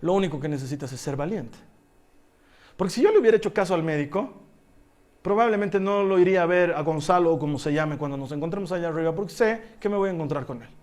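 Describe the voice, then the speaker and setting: Animated storytelling preacher, fairly high voice. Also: male voice, fast. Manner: animated storyteller who swings from hushed to loud; laughs often while he tells the story. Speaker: pastor. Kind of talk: storytelling sermon.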